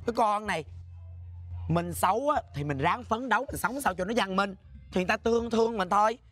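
An actor playing a sassy, sharp-tongued flamboyant man in a comic scolding rant. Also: high voice, a little fast, faint music behind. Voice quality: sassy, nagging, theatrical. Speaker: comedy sketch actor.

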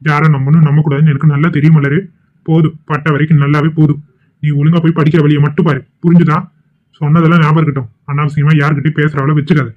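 A man's voice: fairly high pitch, little pitch movement, quick pace, lightly acted. A man voicing a stern middle-aged father in a cartoon, scolding and commanding. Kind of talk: cartoon voice acting. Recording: tinny phone-like audio.

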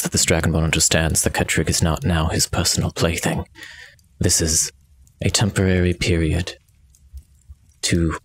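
A man playing a tabletop game, speaking in character in a measured, formal, quietly menacing way. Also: low voice, husky. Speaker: player. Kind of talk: in-character tabletop role-play.

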